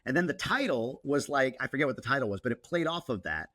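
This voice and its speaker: A man, a content creator guest, talking in a casual interview with an excitable, animated manner. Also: medium pitch, quick pace, dry recording.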